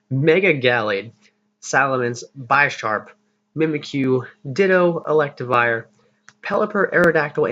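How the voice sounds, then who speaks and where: A young man with a mid-range, fairly bright voice rambles through his team plans for a league battle, poking fun at himself and laughing at his own expense. It's casual gaming commentary, captured on a slightly dull lo-fi mic.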